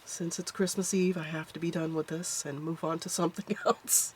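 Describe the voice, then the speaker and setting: A craft channel host flips through a craft journal in her home craft room, chatting in a homey way with a stuffed-up, nasal voice from a congested nose. Her voice is lowish with fairly even intonation and a moderate pace, and there's a little hiss or hum.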